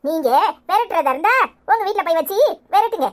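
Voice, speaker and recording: Bossy cartoon housewife with a Tirunelveli accent, voiced by a woman, shrill and quick-fire. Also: expressive, a little mellow. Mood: chiding. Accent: Tirunelveli Tamil. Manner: brisk, bossy, chiding. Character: bossy brisk village housewife, in-law. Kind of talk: cartoon voice acting.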